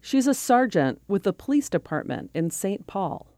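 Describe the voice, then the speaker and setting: A woman reporter narrating a radio documentary in a clear, scripted way. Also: mid-range voice, sing-song, moderate pace, a little mellow, dry recording, studio quality.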